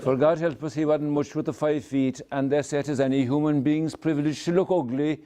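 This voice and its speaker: An older man with a Kerry Irish accent tells a folk tale to live listeners in a lilting, wry manner with dramatic pauses. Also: a little high, fairly even intonation, dark tone, slight background noise. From County Kerry, Ireland. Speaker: traditional storyteller. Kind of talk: oral folk storytelling to a live audience.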